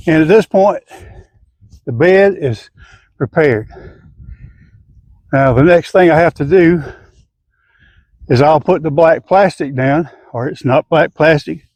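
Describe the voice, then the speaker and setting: An older man talks through garden chores in a folksy, plain-spoken way, one step at a time. His voice sits a little high for a man. It is captured outdoors on a camera mic, with a dry sound and no room echo. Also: darkish tone. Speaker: home gardener. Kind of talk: casual how-to garden vlog.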